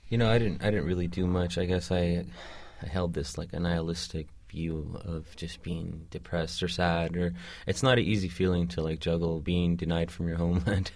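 A young man, a podcast guest, talking haltingly in a casual discussion with many restarts and fillers. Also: deep voice, fairly even intonation, darkish tone, no echo. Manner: hesitant, restarting, lots of "like".

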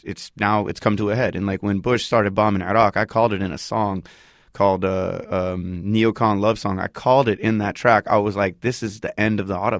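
A man's voice: on the low side, creaky, dry recording, studio quality. A man in his thirties from Northern California with a Northern Californian accent, talking loosely and casually as a musician guest in an interview. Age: 30s. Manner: laid-back, loose slangy talk full of likes and you-knows.

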